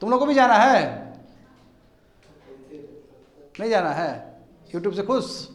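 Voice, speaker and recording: High-voiced man lecturing a class. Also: takes it slowly. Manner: animated, asks students rhetorical questions. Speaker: teacher. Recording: echoey classroom.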